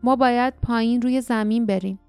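A woman reading the part of a grown male warrior, speaking low, polite and firm. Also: steady tone, a little mellow, clear, resonant tone, faint music behind, close to an everyday voice. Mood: firm politeness.

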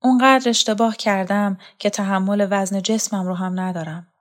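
Woman narrator doing lonely actress figure, weary, bitter, quiet confessional tone, storybook reading. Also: medium pitch, fairly even intonation, natural voice. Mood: brooding.

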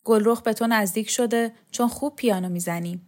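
A woman's voice: on the high side, darkish tone, natural voice. A woman voicing a restless, bitter young man who lectures sardonically in an audio storybook. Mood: sardonic.

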